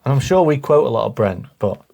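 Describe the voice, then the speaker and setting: A man's voice: mid-range voice, animated, quick pace, vocal fry, dark tone. A man co-hosting a podcast, chatting casually and teasing his co-host with challenges. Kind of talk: casual chat.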